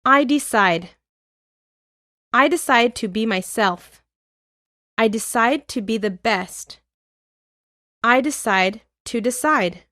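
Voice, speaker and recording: A woman reading an English lesson aloud, with clear, deliberate drill phrases and an American accent. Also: fairly high pitch, expressive, bright, forceful tone, no echo, studio quality. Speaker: English teacher. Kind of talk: slow scripted lesson reading.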